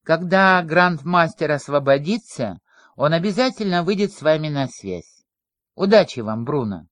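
A woman reads a formal male servant on a communicator line who speaks in a steady, level voice. His tone sits a little high, and the sound is close and dry. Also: moderate pace, no room sound. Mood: flat. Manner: even, formal. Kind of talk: audiobook reading.

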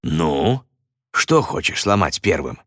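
A man puts on a big, hearty man who talks loudly in broken grammar, his lines lifted higher and lively. It is a storybook reading with a dry, close sound. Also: takes it slowly, no room sound, heavily acted. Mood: boisterous. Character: big, boisterous man speaking broken Russian.

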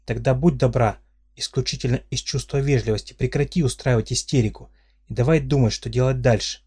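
A man reading the part of a brash red-haired young man in an audiobook, delivering gruff, blunt comebacks. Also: mid-range voice, a little fast, a little mellow.

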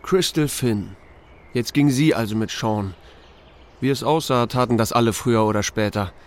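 In a first-person audio drama, a man narrates and plays the lead, a laconic small-town sheriff telling his own story, dry and understated, with dialogue mixed in. His medium-pitched voice sounds natural at a moderate pace, though heavy background noise surrounds it.

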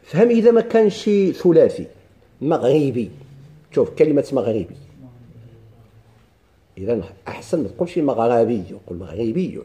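Dark-voiced Moroccan man teaching grammar. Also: on the high side, huge pitch swings, brisk, pauses often. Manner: explains step by step, quizzing students with questions. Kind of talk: classical grammar lesson.

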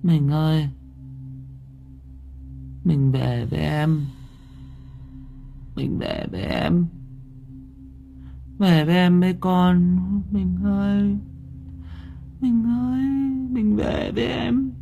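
A man voicing a frantic, grief-crazed young widowed mother who shrieks and sobs in high, strained cries. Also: slow, vocal fry, long pauses, lo-fi sound, faint music behind. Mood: sobbing.

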